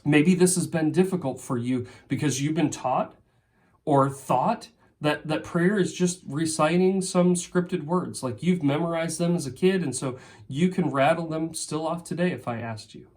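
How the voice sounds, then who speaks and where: A man preaching a sermon as pastor, earnest and emphatic, often dropping to a soft, quiet voice and voicing heartfelt prayers. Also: a little high, moderate pace. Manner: acts out heartfelt prayers in first person.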